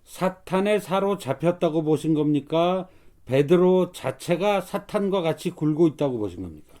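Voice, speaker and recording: A man from the congregation reading a Bible passage aloud in a calm, measured way and then asking the teacher questions. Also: fairly high pitch. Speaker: congregation member reading scripture.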